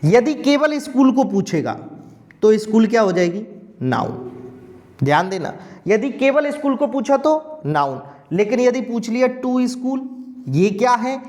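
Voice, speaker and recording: Slow, questioning male teacher. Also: very high-pitched, sing-song, a little mellow. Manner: slow, drawn-out explaining, asks questions and answers them himself. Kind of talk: online grammar lesson.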